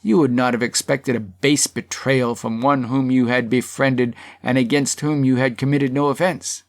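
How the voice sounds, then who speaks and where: A man's voice: medium pitch, steady tone, moderate pace, dry recording, studio quality, lightly acted. A man voicing a self-righteous male townsman who defends himself in an earnest, persuasive public speech in a storybook reading. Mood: pleading.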